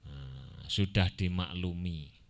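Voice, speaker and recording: A religious teacher gives an Arabic grammar lesson, explaining slowly, chanting examples from the Quran and drifting into side remarks. His voice sits low and sounds gravelly.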